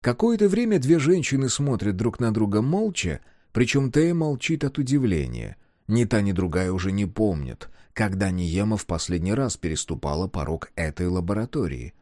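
A man narrating a novel in a measured, expressive reading. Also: lowish voice, dry recording, clean studio sound. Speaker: audiobook reader. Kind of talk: scripted narration.

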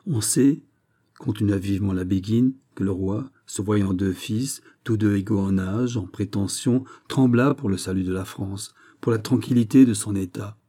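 A man narrating a classic novel as an audiobook, in a measured and dramatic way. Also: fairly low pitch, dark tone. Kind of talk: scripted narration.

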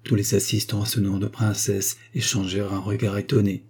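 Male audiobook narrator, low and dark, steady measured delivery. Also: breathy edge. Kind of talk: scripted narration of a classic novel.

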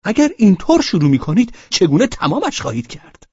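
Guy doing a high whiny drunk man, servile and jumpy, husky edge, muffled audio. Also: very animated, a little mellow, no echo, exaggerated voice. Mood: fawning. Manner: shrill, whining, pleading. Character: drunk, fawning, frightened middle-aged man.

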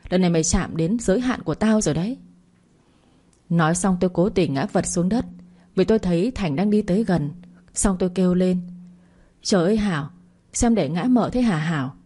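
A woman reads a first-person story aloud at a steady, calm pace. Her voice is low and warmly mellow, with a soft, unforced delivery. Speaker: story narrator.

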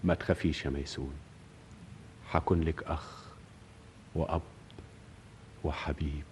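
A man acting an earnest, romantic young educated man in an old Egyptian radio drama, with an Egyptian Arabic accent and a soft, pleading delivery. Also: rumbling low, fairly even intonation, normal speed, noisy background. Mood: tender. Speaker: Mahmoud, young hero.

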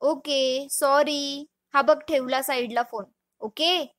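A woman's voice: high voice, fairly even intonation, takes it slowly, fairly bright tone. A woman voicing a playful, affectionate young husband in a storybook reading, teasing and fond in tone. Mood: casual.

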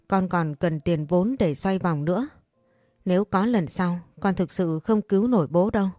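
Woman doing a fed-up young wife scolding her dad, low warm voice, quiet music under. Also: dry recording, clean studio sound, lightly acted. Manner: sharp, scolding, exasperated. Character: exasperated young married daughter scolding her father.

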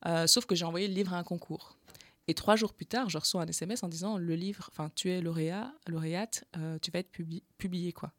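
A woman's voice: on the low side, a little fast, no echo, studio quality. Chatty Charleroi-accented woman. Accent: Belgian, Charleroi. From Belgium, Charleroi area. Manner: animated, chatty, laughs often between phrases. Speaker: guest, slam poet. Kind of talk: casual interview storytelling.

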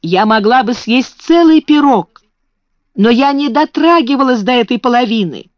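A woman voicing a poor, frightened young servant girl who pleads in a high, tearful voice, in a dull lo-fi recording. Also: lively intonation, normal speed, no room sound, natural voice.

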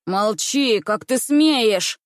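A bossy schoolboy from a children's storybook mocks the others with a slow, emphatic drawl, as a woman reader puts him on. He sounds scornful and loud. The recording is dry. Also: medium pitch, no room sound, close to an everyday voice. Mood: mocking. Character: bossy, mocking schoolboy, older brother.

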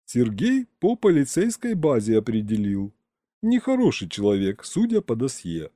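Man voicing polite alien assistant, calm, formal, matter-of-fact, dry close audiobook sound. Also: medium pitch, moderate pace, no room sound.

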